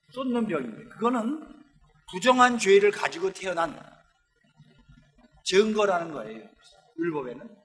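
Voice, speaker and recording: Guy pastor preaching, high voice, acts out the bible folks' lines, big echoey church. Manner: lively storytelling, acting out the Bible characters' lines. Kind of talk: sermon. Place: church sanctuary. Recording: long church hall reverb.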